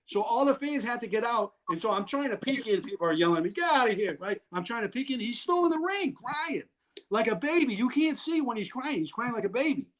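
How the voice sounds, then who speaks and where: A man telling wild stories in an animated way, loudly acting out what people said and laughing often. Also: very high voice, fast talker, hardly any pauses. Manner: excitable, acts out quotes loudly, laughs often. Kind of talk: animated storytelling.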